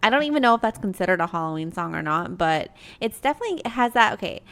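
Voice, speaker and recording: A woman's voice: mid-range voice, big pitch swings, racing, a bit bright. A young adult woman co-hosting a podcast in casual chat, laughing often and filling with "like". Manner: laughs often, many "like" fillers. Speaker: podcast co-host.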